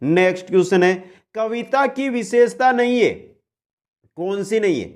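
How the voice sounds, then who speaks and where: A man teaching an online exam-prep lesson, briskly reading each question, restating it and calling out the correct option while addressing listeners as friends. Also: high-pitched, animated. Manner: brisk quiz-answering, repeats the question then gives the answer.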